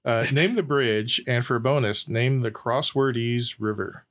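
A man's voice: medium pitch, a little slow, fairly bright tone. A man hosting a casual quiz podcast, reading questions to friends and often breaking into laughter. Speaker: quiz host.

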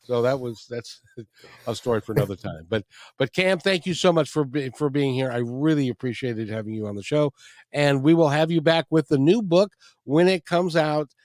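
Recorded cleanly in a studio without echo, this man speaks at medium pitch and normal speed, his tone a little mellow. He's hosting a talk show, having a relaxed, friendly chat with a guest where he repeats words, then wrapping up the show.

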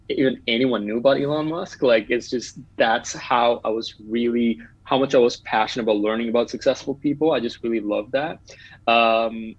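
A man's voice: mid-range voice, no echo, lo-fi sound. A man, talking eagerly as a podcast guest, with lots of um and uh. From Bangladesh. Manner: upbeat, talkative, with frequent um and uh. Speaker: guest entrepreneur. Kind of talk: casual podcast chat.

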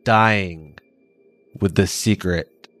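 Male narrator, low voice, very slow measured delivery, soft music behind. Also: no room sound. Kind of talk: storytelling narration.

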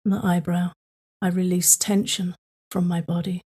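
Soft, breathy woman guiding calm tapping. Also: lowish voice. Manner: slow, soothing, repetitive prompts. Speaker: tapping guide. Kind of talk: guided tapping meditation for sleep.

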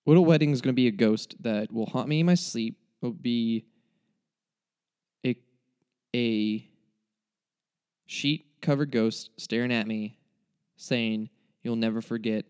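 A man's voice: mid-range voice, darkish tone, smooth. Rambling, mock-dramatic young man reviewing a film. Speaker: movie reviewer. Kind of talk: casual spoken movie review.

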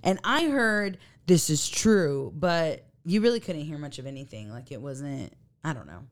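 A woman's voice: low-pitched, moderate pace. Chatty woman co-hosting a podcast. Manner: chatty and animated, fillers and laughs. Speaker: podcast co-host. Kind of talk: casual chat reviewing a TV episode.

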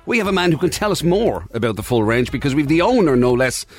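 A man's voice: mid-range voice, sing-song, fast talker, soft background music. A man with an Irish accent co-hosting a breakfast radio show in a chatty, informal style. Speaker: radio co-host. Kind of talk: casual breakfast radio presenting.

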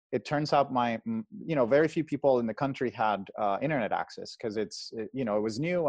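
Man, 30s, from Venezuela; interview guest speaking from home on a video call; halting, filler-heavy delivery, lower voice. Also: a little mellow, no room sound. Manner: hesitant, many fillers and restarts. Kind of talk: casual interview storytelling. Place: home, indoors.

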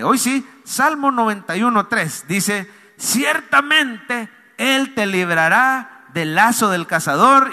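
A man's voice: high voice, bright, forceful tone. A man, a pastor preaching a sermon with call-and-response, pleading and emphatic, in a church hall. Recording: long hall reverb.

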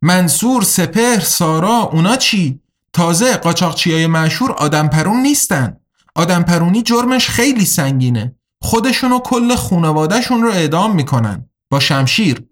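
A man voicing a sharp, determined young woman in an audiobook, speaking in an earnest, urgent way. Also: lowish voice, expressive, close to an everyday voice.

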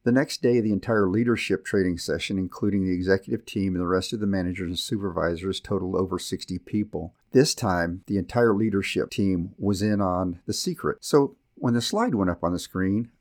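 A male podcast host giving a scripted narration in a measured storytelling manner. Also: deep voice, darkish tone.

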